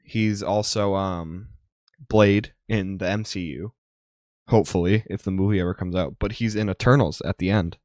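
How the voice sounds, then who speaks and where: A man's voice: low-pitched, fairly even intonation, moderate pace, a little mellow, no echo, studio quality. A young man co-hosting a podcast, chatting casually and rambling with lots of ums. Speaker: podcast co-host. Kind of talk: casual chat.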